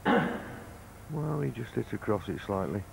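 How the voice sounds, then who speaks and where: A man giving live snooker commentary in a measured, understated way, with pauses between short remarks. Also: mid-range voice, animated, creaky, slight background noise, low-quality recording.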